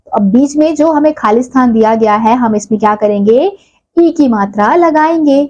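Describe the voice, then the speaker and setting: A woman's voice: a little high, normal speed, a little mellow, lo-fi sound. A woman teaching a primary school lesson, spelling words out sound by sound and lifting her voice on each answer.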